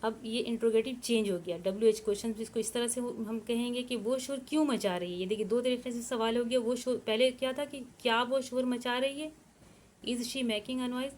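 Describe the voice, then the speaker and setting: Patient woman teaching English grammar slowly. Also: on the high side, a little mellow. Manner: patient, repetitive, dictates English sentences slowly word by word. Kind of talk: grammar lesson explaining in Hindi-Urdu. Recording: faint background noise.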